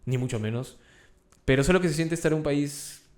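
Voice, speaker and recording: A man's voice: on the high side, fairly quick. Host man in an echoey room. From Peru. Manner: relaxed, with filler phrases. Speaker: podcast host. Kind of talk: casual interview chat. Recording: roomy echo.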